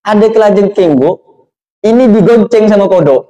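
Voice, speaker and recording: A man's voice: sits high, animated, moderate pace, dark tone, lo-fi sound. A man preaching a sermon as a kyai, telling a story and often putting questions to the congregation.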